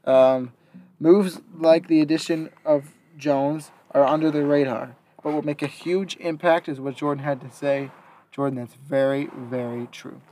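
A man's voice: on the high side, steady tone, measured pace, warm tone. A young man hosting a casual sports talk, reading out quotes and then giving his opinion with some hesitation. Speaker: podcast host.

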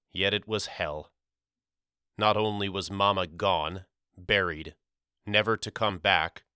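Clear, bright-voiced male audiobook narrator. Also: lowish voice, dry recording, studio quality. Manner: measured, storytelling delivery. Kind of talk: scripted first-person narration.

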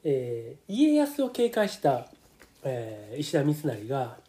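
A man's voice: medium pitch, huge pitch swings, slow, mellow. Middle-aged Kansai man explaining history politely. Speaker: podcast co-host.

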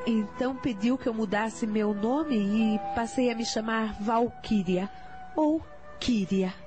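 A calm mother in her thirties with a hard past, played by a woman, confessing her story in a slow, measured way. Her voice sits a little high, and faint music plays underneath. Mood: confiding. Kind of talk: radio drama storytelling.

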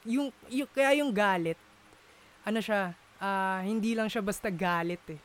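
High-pitched guy chatting casually, lots of filler words, mixing in english. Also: unhurried, fairly bright tone. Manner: searching for words, many fillers, Taglish code-switching. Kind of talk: casual conversation.

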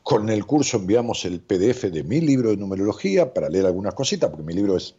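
Un psicólogo rioplatense que lee comentarios en vivo, con voz oscura y ronca y tono muy cambiante. Suena relajado y disperso, lleno de muletillas. La grabación es opaca y de baja fidelidad. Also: male voice, lowish voice, fast talker, breathy edge. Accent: Rioplatense Spanish. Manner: animated, rambling, jokey, with many fillers. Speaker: psychologist hosting a live stream. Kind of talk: casual live-stream chat reading viewer comments. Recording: dull lo-fi stream audio.

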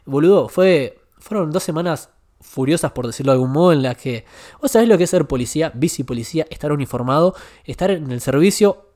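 A young man with a Rioplatense Spanish accent tells a personal story on a casual podcast. His voice sits a little high for a man, and he is animated and confessional, piling up repeated words for emphasis. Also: a little fast. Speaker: guest.

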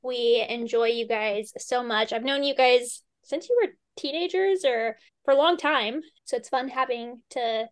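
A woman's voice: on the high side, unhurried, few pauses. A woman hosting a podcast, chatty and enthusiastic as she introduces her guests. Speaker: podcast host. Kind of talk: warm conversational podcast hosting.

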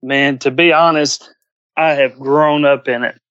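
A man chatting casually as an interview guest, speaking in halting phrases with frequent pauses. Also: medium pitch, fairly even intonation, a bit bright, clear, resonant tone, no echo, lo-fi sound. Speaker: podcast guest, agricultural pilot.

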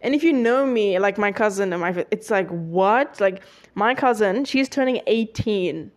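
On her solo podcast, a young woman aged nineteen talks in a loose, casual way, full of fillers and quick self-corrections. Her mid-range voice is expressive and moves at a normal pace.

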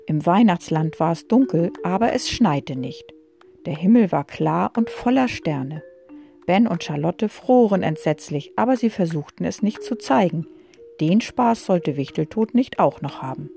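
A woman reading a children's book aloud, gently addressing young listeners. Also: on the low side, creaky.

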